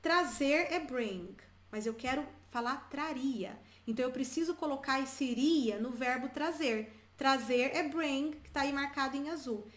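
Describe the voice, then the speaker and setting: A Brazilian woman teaching English to viewers, chatty and repeating example phrases slowly for learners. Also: high-pitched, fairly bright tone, echoey room. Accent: Brazilian Portuguese. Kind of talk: bilingual English lesson, addressing viewers.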